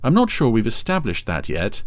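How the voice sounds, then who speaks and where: A man's voice: mid-range voice, wildly swooping pitch, normal speed, dry recording. A man voicing a prim, sensible young girl who speaks politely and precisely.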